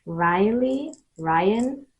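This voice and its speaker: Slow, husky woman giving mystical tarot readings. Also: mid-range voice, lively intonation. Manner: halting, pausing between short phrases. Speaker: tarot card reader hosting readings. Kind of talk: mystical tarot reading, improvised, addressed to the viewer.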